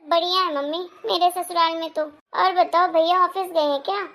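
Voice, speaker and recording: A woman's voice: very high voice, fairly even intonation, normal speed, a bit bright. A woman voicing a quarrelsome young married daughter who complains and scolds, in a Hindi moral story cartoon. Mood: scolding.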